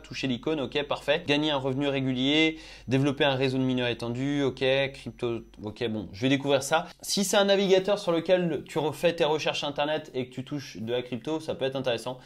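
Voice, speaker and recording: A young man chatting casually as he tries out crypto apps on his phone, thinking aloud with lots of fillers. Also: medium pitch. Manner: chatty, thinks aloud with many "euh" and "du coup". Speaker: crypto YouTuber. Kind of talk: casual screen-recorded app review.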